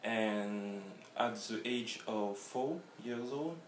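A man who grew up in France, a guest in a casual interview, talking haltingly and searching for his words. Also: on the low side, slight background noise. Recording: roomy echo.

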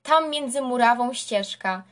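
Woman reading as a young gardener girl, shy, plain simple answers, storybook, higher voice. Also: animated, unhurried.

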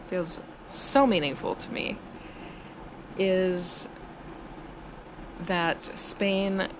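A woman in her thirties hosting a casual solo podcast, chatty and giggling nervously, recorded in low-quality audio in a small studio on a busy street. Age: 30s. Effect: low-quality audio with street noise. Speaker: podcast host. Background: traffic and air-conditioner hum.

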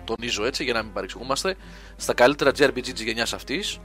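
Podcast co-host, male, bright forceful tone, eager explainer, faint music underneath. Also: mid-range voice. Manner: enthusiastic, explains at length, many repeated yeses. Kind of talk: casual chat about video games.

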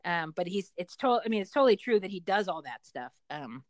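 A woman's voice: lowish voice, big pitch swings, fairly quick, dry recording, clean studio sound. A middle-aged woman telling personal stories as a parent in an interview, talkative and explanatory, repeating words for emphasis. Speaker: parent interviewed about their child. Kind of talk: personal storytelling in conversation.

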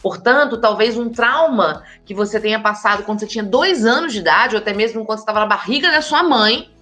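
A woman, giving a lively, emphatic talk on communication and speaking straight to her audience. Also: fairly high pitch, fast talker, soft background music. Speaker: communication and body language trainer. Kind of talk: expressive presentation lecture. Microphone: camera with slides, hands in frame.

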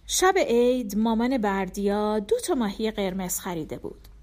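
A woman's voice: medium pitch, very animated, darkish tone. Woman reading a children's story aloud. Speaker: audiobook narrator. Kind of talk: storybook narration.

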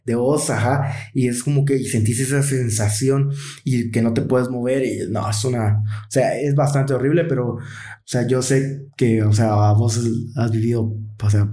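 A man's voice: mid-range voice, steady tone, moderate pace, mellow. Hesitant man in an echoey room. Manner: hesitant, searches for words, many fillers like "o sea" and "como que". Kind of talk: casual chat, telling a personal story.

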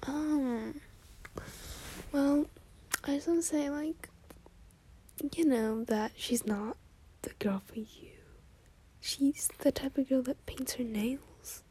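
A young woman whispers a roleplay straight to the listener, her high voice airy and husky. Her delivery is slow and gossipy, thick with "like" fillers. The tone sits mellow and soft rather than bright. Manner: whispering, heavy "like" fillers, catty.

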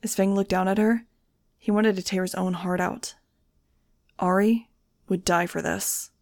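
A woman narrating a fan-fiction audiobook in a steady, even reading voice. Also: mid-range voice, measured pace, no echo, studio quality. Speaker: audiobook reader.

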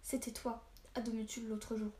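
A woman's voice: fairly high pitch, little pitch movement, moderate pace, mellow, close to an everyday voice. A woman reading the part of a stubborn, questioning young boy in a story. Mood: puzzled. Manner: doubting, insistent.

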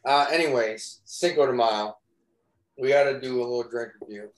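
A man's voice: mid-range voice, normal speed, reverberant, low-quality recording. A man in his twenties chatting casually on a podcast in a loose, slangy way, calling people bro. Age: 20s. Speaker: podcast co-host. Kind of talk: casual chat.

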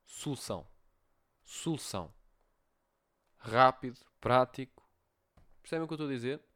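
A man's voice: mid-range voice, expressive, moderate pace, a bit bright. Portuguese man hosting a solo podcast. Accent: European Portuguese. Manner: repetitive, checks in with listeners often. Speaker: podcast host. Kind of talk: solo podcast advice talk.

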